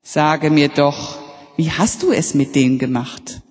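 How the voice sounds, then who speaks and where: A woman's voice: deep voice, a little slow, darkish tone, long reverb tail, soft background music, voice pushed down. A woman playing a wary carter man. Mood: cautious. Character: wary, yielding male carter.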